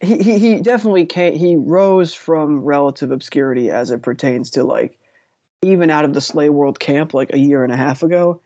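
A man's voice: on the high side, fairly even intonation, normal speed, dark tone, no echo. A man in a casual podcast chat, talking in long hesitant runs with dry sarcasm. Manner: rambling, hesitant, dryly sarcastic. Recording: dull lo-fi dry audio.

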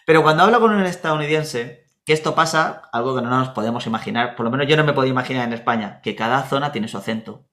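Spanish man telling lively anecdotes. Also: medium pitch, fast talker, hardly any pauses. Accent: Spanish from Spain. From Spain, Murcia. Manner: animated anecdotes, acts out dialogue. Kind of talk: casual chat, storytelling.

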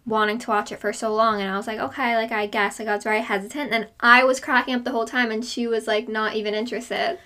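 A woman's voice: a little high, flat delivery, quick pace, few pauses, sharp tone. A woman co-hosting a podcast in casual chat, gushing and emphatic with lots of "like", recorded inside a small hot closet. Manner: gushing, emphatic, heavy use of "like". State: overheated. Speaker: podcast co-host.

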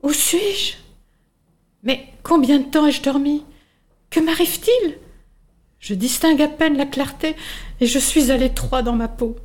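A woman voicing a small, frightened female caterpillar in a children's story, speaking in a high, plaintive voice. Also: unhurried, pauses often, darkish tone. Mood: bewildered.

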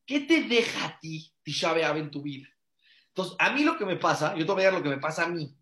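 An adult man, a father and rabbi, leads a conversational religious class in a clearly echoing room, his fairly high voice sing-song, a little fast, and sharp. He's earnest, repeating phrases for emphasis and asking his listeners one rhetorical question after another.

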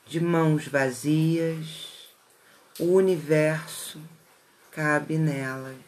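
A guide leading a relaxation meditation in a soothing, unhurried manner, with short phrases and long pauses. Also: mid-range voice, fairly even intonation. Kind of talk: slow guided meditation narration.

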